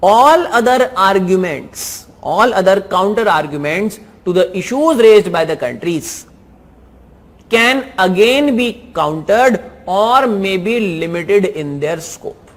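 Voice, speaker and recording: A man's voice: sits high, lively intonation, slow pace. A man with an Indian English accent reviewing exam answers in a lesson, repeating key phrases for emphasis. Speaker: teacher.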